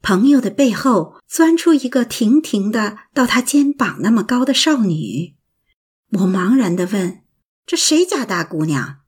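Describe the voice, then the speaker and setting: A woman narrating a prose essay in a lilting, expressive reading voice. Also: a little high, unhurried. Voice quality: husky.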